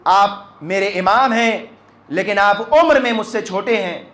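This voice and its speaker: A man's voice: sits high, fairly bright tone. A preacher voicing a humble aging nobleman. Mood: solemn. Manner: solemn, earnest recitation. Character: aging nobleman taking leave, humble and devoted.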